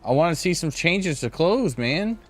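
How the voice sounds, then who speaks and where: Casual game streamer, rambling, swearing, lively pitch, game music behind. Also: moderate pace. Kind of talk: casual gameplay commentary. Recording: game audio and music underneath. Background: game sound and music.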